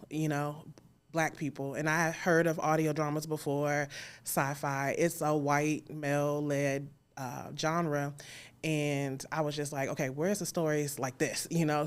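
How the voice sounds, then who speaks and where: Her voice sits low and sounds clean as she chats informally on a live interview. The guest is an American audio drama creator who comes from Alexandria, Virginia.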